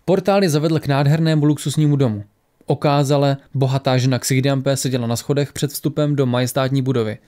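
Mellow-voiced male audiobook narrator. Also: mid-range voice, fairly even intonation.

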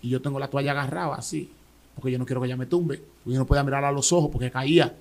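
A man with a Dominican accent giving an emotional personal testimony as an interview guest, telling his story in an animated way with restarts and repeated words. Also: medium pitch, racing, vocal fry. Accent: Dominican Spanish.

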